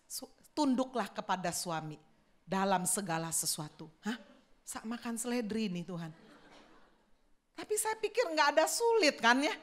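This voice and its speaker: A middle-aged woman pastor preaching a sermon. She tells a lively story and keeps turning to speak directly to her congregation. Her voice sits a little high for a woman.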